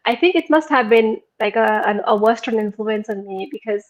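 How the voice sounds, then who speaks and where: On a low-quality recording, a Nepali woman in her thirties speaks at normal speed in a voice on the high side. As a guest and program participant, she gives a casual testimonial about how she transformed, giggling, laughing frequently and leaning on fillers like "like."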